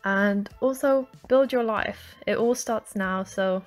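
A woman's voice: mid-range voice, slow pace, faint music behind. A young woman student, originally from Lithuania, narrating her university journey in a friendly, earnest scripted voice-over. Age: 20s.

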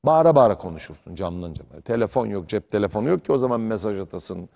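Heated, animated male sports commentator. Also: on the low side, fast, gravelly. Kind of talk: studio sports talk.

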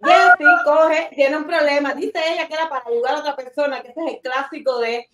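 High-voiced woman host, roomy sound. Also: fast talker, heavy background noise. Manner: animated, scolding commentary. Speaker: talk show host. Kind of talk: casual talk-show commentary. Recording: roomy, distant mic.

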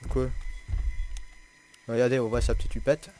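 A man's voice: medium pitch, flat delivery, normal speed, over music. A man giving casual gameplay commentary, teasing the dinosaur he hunts, swearing and laughing often. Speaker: gaming YouTuber.

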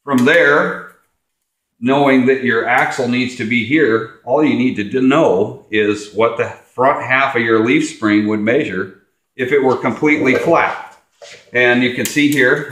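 A man's voice: mid-range voice, fairly bright tone. A middle-aged man hosting a casual how-to demonstration in a garage workshop, plain-spoken and practical, repeating phrases as he works. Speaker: host. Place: large garage workshop, indoors. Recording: echoey garage.

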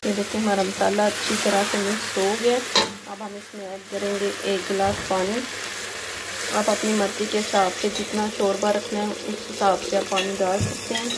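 Woman, cooking channel host; level, steady instructional read; home kitchen phone audio with heavy frying noise. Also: medium pitch. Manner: plain, unhurried instructional delivery. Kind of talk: step-by-step recipe voice-over. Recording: loud cooking noise behind voice.

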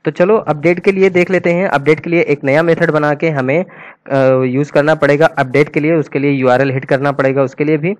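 A man's voice: fairly high pitch, steady tone, brisk. A man teaching a coding tutorial over a screen recording, talking casually and thinking aloud as he types, slipping English terms into his Hindi.

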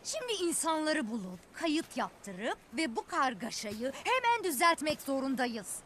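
A bossy cartoon hippo. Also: female voice, high-pitched, sing-song, a little slow, a bit bright, a little hiss or hum, exaggerated voice. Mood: firm. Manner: firm, takes charge. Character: sensible motherly female hippo. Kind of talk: cartoon dubbing.

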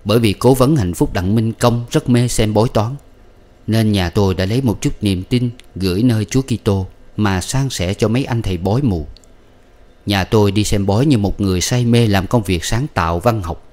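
A man reading a novel aloud as an audiobook narrator, with steady, measured storytelling. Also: on the low side. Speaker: audiobook reader.

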